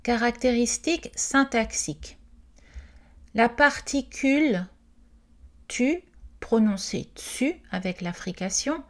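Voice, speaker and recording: A woman reading an informational presentation aloud, carefully and with the odd hesitant aside. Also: on the high side. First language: not Quebec French.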